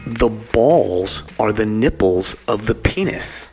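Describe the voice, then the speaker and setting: Man riffing with animated voice. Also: fairly low pitch, slow pace, slightly rough, soft background music. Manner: playful, riffing with sound effects and funny voices. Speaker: podcast co-host. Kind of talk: casual comedy banter.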